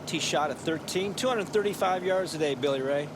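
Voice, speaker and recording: A man's voice: fairly high pitch, a little fast. A man giving conversational live golf commentary in short, clipped observations. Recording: noisy outdoor ambience.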